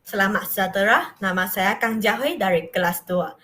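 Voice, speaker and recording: A young woman student giving a class presentation, reading from notes with hesitant pauses and restarts. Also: mid-range voice, sharp tone.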